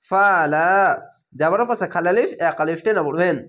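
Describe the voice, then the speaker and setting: A man with a Bengali accent teaching Quran reading, spelling out syllables slowly and drawing out the vowels. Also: high-pitched, fairly bright tone. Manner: slow, syllable by syllable, drawn-out vowels. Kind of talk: slow spelled-out recitation lesson.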